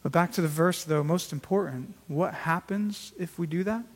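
High-voiced preacher in a reverberant hall. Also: male voice, moderate pace. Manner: earnest, emphatic preaching with swells in volume. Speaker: pastor. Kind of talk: sermon.

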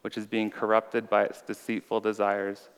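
In a completely flat delivery at normal speed, a man with a lowish, smooth voice offers an earnest, conversational sermon including personal testimony. He preaches informally with a slight stutter, and the large room makes the recording reverberant.

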